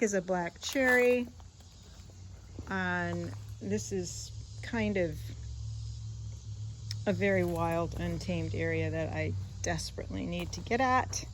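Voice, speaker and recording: Woman, slow-paced, casual garden vlog, musing and rambling, outdoors, faint cricket and insect ambience. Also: fairly low pitch, a little hiss or hum. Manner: musing, rambling, trailing off mid-thought. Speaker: gardening vlogger giving a garden tour. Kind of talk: casual chat, unscripted garden walk-through. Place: outdoors in a garden, walking about.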